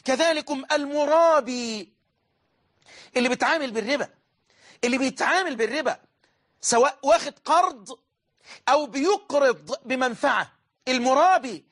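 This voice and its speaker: A man's voice: very high voice, a bit bright. A man with an Egyptian Arabic accent preaching a religious sermon, emphatic and repeating phrases for stress.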